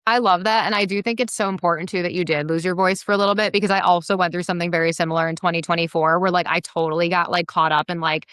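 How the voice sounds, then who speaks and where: A woman hosting a podcast who asks eager questions and shares her own story in a quick, chatty way. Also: lowish voice, fairly even intonation, a bit bright, clear, resonant tone, no room sound, studio quality. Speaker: podcast host. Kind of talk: interview questions and chat.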